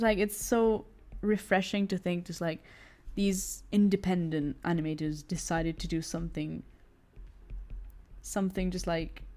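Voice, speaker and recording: A young woman draws on stream and chats casually in a somewhat low, slightly mellow voice. She rambles, laughs often, and her speech is packed with fillers and stammered restarts.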